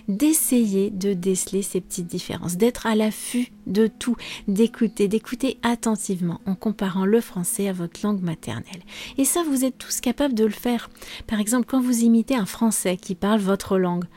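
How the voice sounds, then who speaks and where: A woman teaching her language on a podcast, explaining calmly with frequent fillers and pauses. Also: mid-range voice. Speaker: French teacher and podcast host. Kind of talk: podcast lesson monologue.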